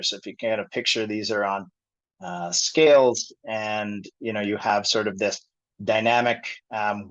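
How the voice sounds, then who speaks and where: A man presenting a technical topic on a group call, thinking aloud with many pauses and fillers. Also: fairly low pitch. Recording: dull lo-fi call audio.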